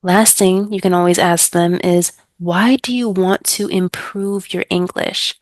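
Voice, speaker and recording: An American woman who works as an ESL tutor, giving other tutors chatty teaching tips and acting out student exchanges in a brighter voice. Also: fairly low pitch, fairly even intonation, a little slow, no room sound. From United States.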